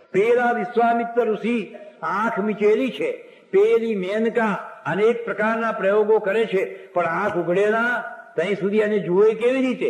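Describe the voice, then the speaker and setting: A man giving a devotional discourse, retelling scripture stories in a lively, animated way. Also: high voice. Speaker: religious storyteller. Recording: echoey hall with long reverb.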